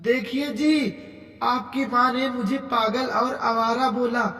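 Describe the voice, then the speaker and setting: A performer voicing a sharp-tongued, cheeky young daughter-in-law in a cartoon comedy skit. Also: female voice, on the high side, fairly even intonation, slow, very noisy. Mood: defiant. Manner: cheeky, quarrelsome. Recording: echoey, distant, loud music behind.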